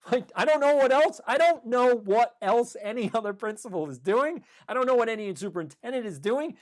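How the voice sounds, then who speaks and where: A man who runs a school, giving an emphatic podcast monologue about teaching and repeating his key points. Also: sits high.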